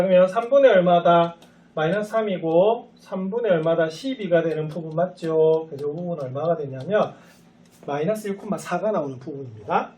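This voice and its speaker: A man teaching a high school math lesson who keeps asking and answering his own questions as he works through each step. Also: a little mellow, recorded from a distance. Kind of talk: recorded math lecture.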